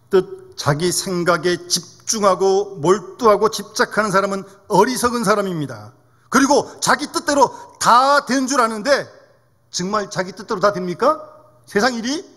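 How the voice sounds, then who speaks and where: High, lively-voiced male pastor in a church. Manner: conversational, poses questions to the congregation. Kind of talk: sermon. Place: church sanctuary. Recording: reverberant church hall.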